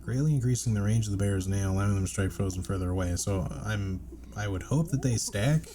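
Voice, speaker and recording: Male gamer, low and relaxed, casual playthrough commentary with muttered asides, faint noise behind. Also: fast talker. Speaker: gaming streamer playing and commenting. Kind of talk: casual let's play commentary.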